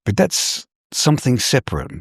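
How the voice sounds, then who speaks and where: An older male scholar from New Zealand, giving measured, professorial answers in an interview. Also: medium pitch, huge pitch swings, creaky, breathy edge, no echo, clean studio sound. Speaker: scholar guest.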